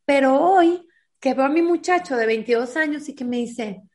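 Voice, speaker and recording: A woman's voice: sits high, normal speed, a little mellow. A woman, earnestly telling a personal story as an interview guest and acting out the dialogue she recalls. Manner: earnest, acts out quoted dialogue. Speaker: guest, foundation founder.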